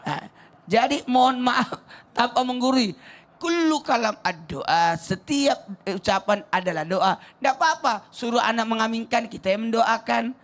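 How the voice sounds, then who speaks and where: A man, a cleric, giving a lively, joking answer on a religious talk show, often restarting his words. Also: extremely high pitch, a little slow.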